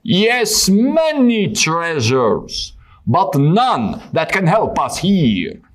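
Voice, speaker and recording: A man's voice: fairly high pitch, huge pitch swings, very slow, full character voice. A man voicing a self-important sailor adventurer in a theatrical puppet show, grandly speaking of himself in the third person. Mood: grandiose. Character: dramatic adult male sailor adventurer puppet, self-important, prone to despair.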